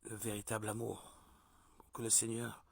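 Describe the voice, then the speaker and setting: A man giving a measured, deliberate religious teaching, like a sermon. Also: lowish voice, monotone, creaky, husky, dry recording. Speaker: preacher.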